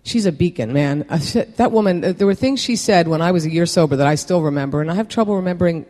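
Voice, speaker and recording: At a meeting, a man tells his own recovery story candidly and with self-mockery, halting, restarting, and using many fillers. His slightly mellow voice is a bit higher than most men's, and the hall adds a long reverb.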